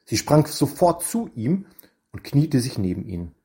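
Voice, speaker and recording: A man narrating a storybook in a measured, deliberate way. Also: mid-range voice, sing-song, dark tone.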